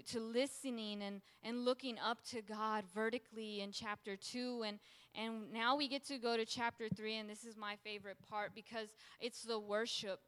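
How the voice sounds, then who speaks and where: Preaching with emphasis, a woman keeps circling back to repeat her main phrases. The voice is bright and crisp, pitched a bit high. A long, trailing reverb fills the large room she speaks in.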